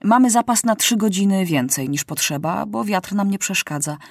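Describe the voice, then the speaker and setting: A woman voicing a legless, one-eyed male pilot in a storybook reading, calm and dryly joking. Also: mid-range voice, moderate pace, creaky, no room sound, clean studio sound. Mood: jovial. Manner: deadpan gallows humor.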